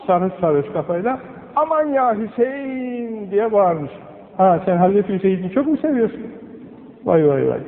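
An older man preaching a sermon in an earnest, admonishing way, his emphasis rising on key points, on an old low-quality recording. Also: slight background noise. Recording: old lo-fi recording, phone-like band, echoey hall.

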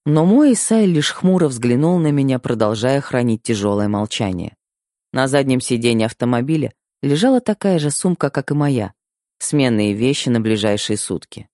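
A man reading a first-person novel aloud as an audiobook narrator, in steady storytelling. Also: mid-range voice, moderate pace, no echo, clean studio sound.

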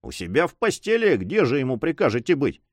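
A man's voice: medium pitch, huge pitch swings, brisk, dry recording, voice pushed up. A man voicing a grumbling, sleepy male servant who talks bluntly and exclaims a lot. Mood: exclaiming.

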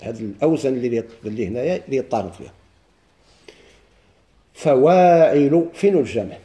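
A man with a Moroccan Arabic accent teaching a grammar lesson, quizzing students with quick questions and answers. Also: medium pitch, animated, mellow, muffled recording. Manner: chants verse slowly.

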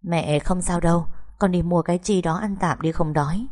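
A tough but tender middle-aged mother from a village, read by a woman narrator, speaking in a low, mellow voice. She talks earnestly and soothes those around her. Audiobook storytelling. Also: moderate pace, lightly acted. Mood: anxious, soothing.

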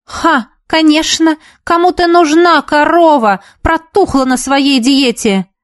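A woman voicing a brash, mocking teenage ballet student who taunts loudly and boasts. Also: high-pitched, slow pace, no room sound, studio quality, pitched above the performer's own voice. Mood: taunting.

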